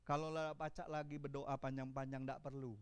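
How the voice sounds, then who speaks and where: A man with a Palembang accent preaching a sermon as pastor, animated and calling out to the congregation. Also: medium pitch, brisk, clean tone.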